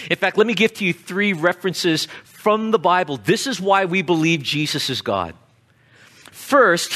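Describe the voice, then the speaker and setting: A guest pastor preaching a sermon with emphatic, deliberate delivery. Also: male voice, high voice, a bit bright.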